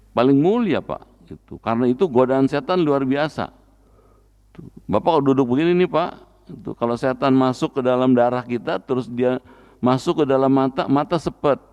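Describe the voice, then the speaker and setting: A man's voice: mid-range voice, a little mellow. A man preaching a Quran study sermon in a mosque, talking colloquially and putting rhetorical questions to the congregation. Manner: spells out recitation slowly and deliberately. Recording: dull lo-fi recording.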